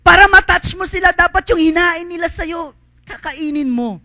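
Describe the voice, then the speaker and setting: High, bright-voiced preacher switching Tagalog and English. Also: moderate pace, no room sound. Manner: mixes English phrases into Tagalog, swings from loud calls to soft storytelling. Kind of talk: sermon. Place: church service.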